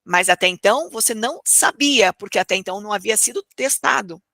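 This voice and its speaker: A woman teaching about emotions in an expressive coaching talk, asking herself rhetorical questions. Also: medium pitch, a little fast, gravelly, no room sound. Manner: expressive, rhetorical questions, acts out inner thoughts.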